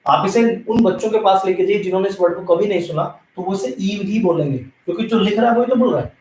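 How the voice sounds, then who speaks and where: A man's voice: high voice, quick pace, darkish tone, a little hiss or hum. A man from India teaching an English grammar lesson, explaining step by step and speaking directly to his students. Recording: echoey room, voice from a distance.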